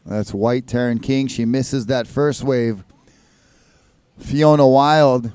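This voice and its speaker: A man's voice: mid-range voice, fairly even intonation, slow pace, a little mellow, clean tone, no room sound. A man giving live sports commentary as a contest announcer, in a laid-back, casual surfer manner.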